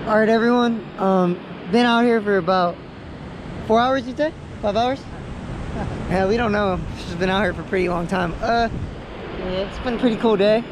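A young man filming a casual fishing vlog on the beach, slangy and excitable, talking into a head-mounted camera. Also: high voice, normal speed. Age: young adult. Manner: excitable, slangy, calls out catches. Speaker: fishing vlogger. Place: windy ocean beach outdoors. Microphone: head-mounted action camera. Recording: noisy beach wind and waves. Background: surf and wind.

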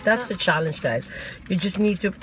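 A mother co-hosting a casual vlog from a parked car, relaxed and murmuring as she eats. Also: fairly low pitch, normal speed, slight background noise. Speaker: mother and co-host. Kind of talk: casual chat.

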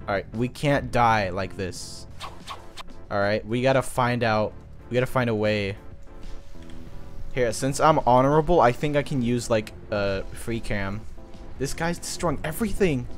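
Brief: young male gamer, animated and playful, mid-range voice, faint music bed. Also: medium pitch. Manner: animated, playful, shouts at the game. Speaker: gaming video creator. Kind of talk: excited gameplay commentary. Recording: game music playing softly behind.

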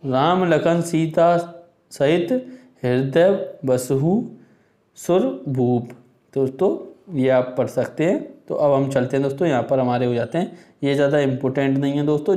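A man teaching an exam-prep Hindi grammar lesson, explaining patiently and reading examples aloud slowly. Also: fairly high pitch, a little mellow, roomy sound. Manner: explains slowly, addresses viewers as friends, reads examples aloud.

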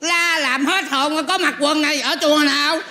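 A man's voice: very high voice, steady tone, brisk, bright, forceful tone, echoey room. A man playing a grandfather in a comedy sketch, with grumbling, teasing banter.

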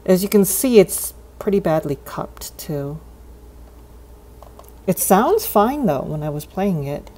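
This woman's voice sits on the low side and is mellow yet very animated, moving slowly with long pauses. She's a hobbyist at a desk indoors, casually showing how to fix a cassette tape while thinking aloud hesitantly.

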